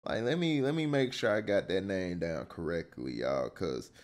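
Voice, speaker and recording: A man with a Southern US accent talks loosely to his audience, reacting to a film. His voice sits a bit low, and he keeps circling back with fillers, restarts and asides to the viewers. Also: expressive, normal speed. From Southern United States. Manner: chatty, addresses viewers as y'all, many fillers and restarts. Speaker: movie reaction streamer. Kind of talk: casual reaction commentary.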